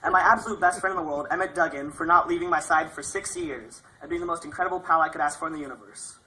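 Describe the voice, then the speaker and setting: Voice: mid-range voice, fairly even intonation, quick pace, pushed and bright, a little hiss or hum, poor audio. A young adult speaker delivering a prepared graduation speech as a graduating student.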